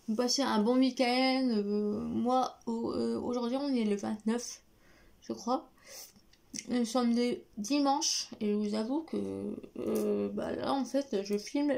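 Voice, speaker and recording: A woman's voice: fairly high pitch, vocal fry, darkish tone. A woman chatting casually to camera as a book vlogger, hesitant and rambling, lisping from a newly fitted dental retainer. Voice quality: lisp from a recently fitted dental appliance. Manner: hesitant, rambling, often repeating words. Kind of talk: casual chat to camera, book review vlog.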